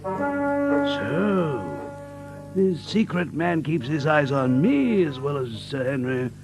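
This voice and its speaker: Doctor Watson, high-pitched earnest gentleman. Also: sing-song, slow pace, faint music behind, heavily acted. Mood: determined, wary. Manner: hesitant, earnest, old-fashioned gentlemanly. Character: earnest, determined gentleman doctor, detective's companion. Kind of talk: audio drama acting and narration.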